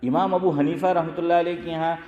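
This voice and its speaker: A man's voice: fairly high pitch, fairly even intonation, a little mellow, muffled recording. A man, an Islamic scholar, giving an informal lesson on recitation, questioning listeners by name and chanting phrases to show how they are said. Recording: echoey hall with long reverb.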